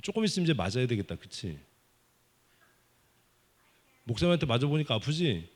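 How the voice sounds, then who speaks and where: A man preaching a children's sermon at a summer Bible school service in a church, playfully teasing and quizzing the kids with quick questions. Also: mid-range voice, sing-song. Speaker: pastor. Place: church sanctuary.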